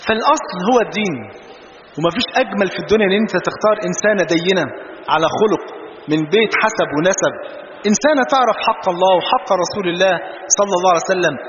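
A man from Egypt with an Egyptian Arabic accent, preaching a sermon full of humorous anecdotes and telling his stories in an animated way. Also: sits high, rapid-fire. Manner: animated storyteller, mixes jokes with religious phrases. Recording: dull, roomy, noisy hall recording.

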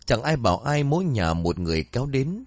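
A man narrating a serialized story in an expressive, dramatic way. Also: medium pitch, a little fast, no echo.

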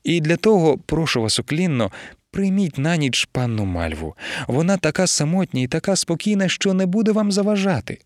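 A man's voice: a little high, sing-song, brisk, no echo, voice pushed up. A man reading an audiobook, voicing a fussy, overly polite middle-aged mother-in-law who pleads and apologizes. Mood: pleading.

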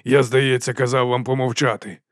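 A man's voice: medium pitch, little pitch movement, moderate pace, no room sound, studio quality, close to an everyday voice. A man voicing a stern, weary male watch captain who speaks curtly and firmly.

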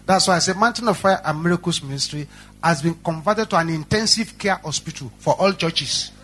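Nigerian pastor, sermon storytelling, high and bright, repeats his lines. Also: brisk, slight background noise. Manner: animated storytelling with repetition.

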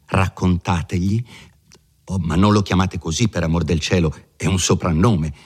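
A man's voice: low-pitched, steady tone, moderate pace, darkish tone, slightly rough. A man reading the part of an older village mother, anxious and practical, giving homely, chatty advice full of folk sayings, in an audiobook of a classic novel. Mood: coaxing.

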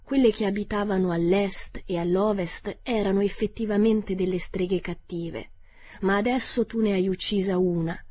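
A woman voicing a small, wrinkled old good witch who speaks gently and calmly, read as a character in an audiobook. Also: medium pitch, slightly rough, no echo. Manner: gentle, soft-spoken and composed.

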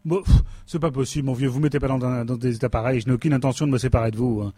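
A man's voice: mid-range voice, steady tone, rapid-fire, mellow, breathy edge, no room sound, lightly acted. A man playing a smug cynical boss. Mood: smug, sarcastic. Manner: smug, sarcastic, coldly dismissive. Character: cynical male company boss firing his staff. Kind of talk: stage comedy sketch.

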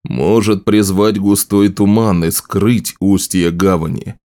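A man voicing a theatrical, self-assured nobleman in an audiobook, speaking slowly and deliberately. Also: low-pitched, darkish tone. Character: theatrical scheming male nobleman, showman. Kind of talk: audiobook role reading.

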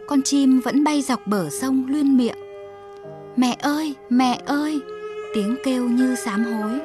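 A woman narrating a folk tale for children, speaking expressively and addressing the little listeners. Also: on the high side. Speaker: storyteller for children.

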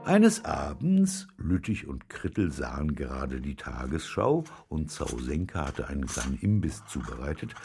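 Very deep, gravelly male storyteller. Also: moderate pace, few pauses, music in the background. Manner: expressive storytelling, dry. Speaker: audiobook reader. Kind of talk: children's story reading.

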